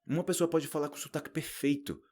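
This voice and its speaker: A man from Paraíba with a northeastern Brazilian accent, chatting casually as he teaches Portuguese, animated and lively, often acting out other people in a higher voice. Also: fast talker. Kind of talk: unscripted podcast lesson.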